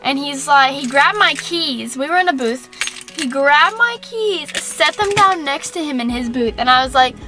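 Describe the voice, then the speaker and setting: A woman's voice: high voice, lively intonation, normal speed. A young woman telling a story on her vlog in a chatty, indignant way, saying "like" often. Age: young adult. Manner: chatty, heavy use of "like". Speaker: vlogger. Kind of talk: casual story-time vlog.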